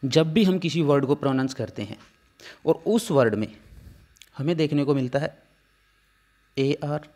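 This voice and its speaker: A man's voice: on the high side, moderate pace, pauses often, warm tone. A man teaching a phonetics lesson, explaining patiently step by step.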